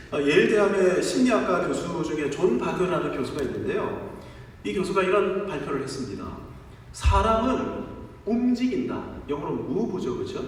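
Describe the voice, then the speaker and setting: Middle-aged pastor preaching in an echoey hall. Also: male voice, sits high, slight background noise. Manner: emphatic preaching with rhetorical questions to the congregation; rhythmic listing cadence. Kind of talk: sermon. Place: large church sanctuary. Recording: echoey church hall from far off.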